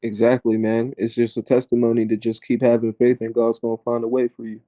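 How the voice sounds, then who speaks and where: A man, a rapper being interviewed, telling his story in animated casual talk, full of filler words. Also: mid-range voice, brisk, no room sound.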